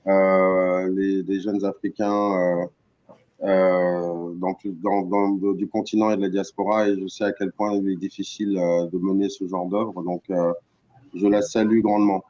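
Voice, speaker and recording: A middle-aged man from Cameroon giving keynote remarks on an online panel, earnest and halting, full of fillers and restarts. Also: low-pitched, flat delivery, mellow, dull audio. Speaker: panel guest speaker.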